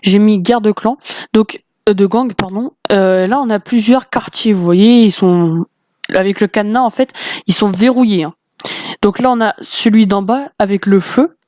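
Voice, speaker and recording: A woman's voice: medium pitch, moderate pace, darkish tone, no echo, clean studio sound. A woman hosting a gaming video, explaining a game step by step in a casual, hesitant way with many fillers. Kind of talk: casual game walkthrough commentary.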